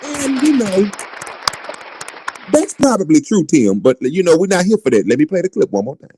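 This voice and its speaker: A man commentating on a live stream in an animated, mocking way. His pitch sits a bit high and swings widely as he repeats lines for effect. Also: moderate pace, over a noisy crowd, heavy background noise.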